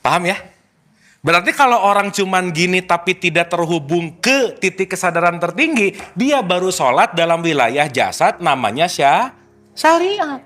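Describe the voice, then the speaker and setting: A man's voice: sits high, sing-song, moderate pace, bright, forceful tone. A man leading a casual religious study talk, playful and teasing, slipping in English words. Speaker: spiritual teacher.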